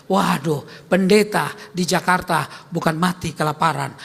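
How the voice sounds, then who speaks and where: A pastor preaching a sermon at a church service, animated, swinging from loud calls to quiet asides and often turning to the congregation. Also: male voice, a little high, unhurried, creaky, slightly rough. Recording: long church-hall reverb.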